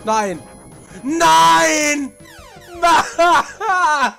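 A man doing gameplay commentary as a let's play host, prone to shouted outbursts and swearing, with game music behind him. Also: very high-pitched, animated, drawn-out words, vocal fry. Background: video game music.

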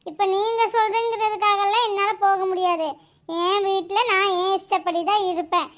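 A woman's voice: very high-pitched, fairly even intonation, moderate pace, fairly bright tone. A woman voicing a grown sister-in-law who is defiant, taunting and quarrelsome.

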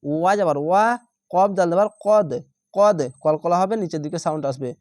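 A man's voice: high voice, moderate pace, darkish tone, dry recording, clean studio sound. A man teaching Quran reading, patiently spelling out Arabic letters and syllables one by one and drawing out the long vowels for learners. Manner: patient and methodical, repeats syllables and draws out vowels.

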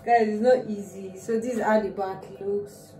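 A woman's voice: mid-range voice, fairly even intonation, moderate pace, mellow. Chatty Nigerian woman vlogging from a roomy distance. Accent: Nigerian English. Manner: chatty and rambling, self-mocking. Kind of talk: casual vlog chat to camera. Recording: roomy, distant sound with faint noise.

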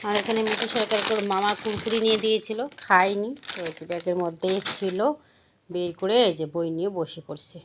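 A slightly hoarse woman vlogging into a handheld phone, chatting to her viewers. She narrates everything she is doing, repeats herself and sits at a mid pitch. A faint hiss of background noise sits under her voice. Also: level tone, fairly quick. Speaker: vlogger, mother. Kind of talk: casual vlog narration to viewers.

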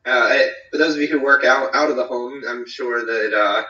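A man from eastern North Carolina leads a casual church small group over video, rambling amiably with plenty of fillers and restarts. His mid-range voice moves at normal speed and is bright, yet it sounds echoey and distant, and the audio is dull like a laptop call.

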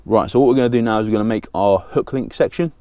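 A man's voice: on the low side, fast, mellow, no room sound. A man in his thirties from England with a southern English accent, hosting a fishing channel and explaining a rig step by step in a plain, practical way while working with his hands. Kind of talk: step-by-step tutorial. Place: small indoor studio with banner backdrop.

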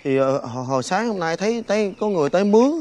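A man playing an evasive neighbor who fumbles his words, hedging and stammering. His voice sits fairly high for a man. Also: expressive, rapid-fire, darkish tone. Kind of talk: comedy drama acting.

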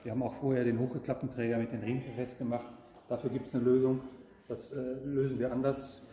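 A man's voice: medium pitch, level tone, brisk, dark tone. A middle-aged man explaining a product in a camper showroom, earnest and hesitant, with frequent fillers. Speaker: product seller, guest. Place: camper showroom, large indoor hall. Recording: roomy hall with long reverb.

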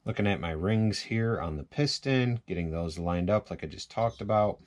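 A chainsaw repair demonstrator talks through his work informally at the bench of a cluttered indoor workshop, thinking out loud in a casual tutorial. He has a fairly low voice with lively intonation, a moderate pace and no echo.

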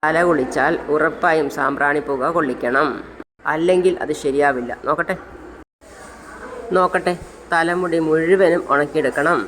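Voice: medium pitch, brisk, fairly bright tone, a little hiss or hum, close to an everyday voice, rough recording. A fussing, doting husband, as the narrator reads him. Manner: fussing, insistent. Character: doting protective older husband.

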